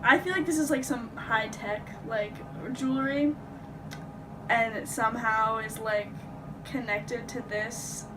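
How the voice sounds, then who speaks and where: A woman's voice: on the high side, a little slow, distant mic, background noise. A nineteen-year-old woman student thinking aloud in a rambling, unsure way.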